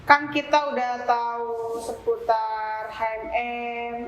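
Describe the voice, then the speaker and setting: High-voiced young woman hosting a podcast. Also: level tone, slow, slight background noise. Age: young adult. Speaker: podcast host. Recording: roomy room with faint music.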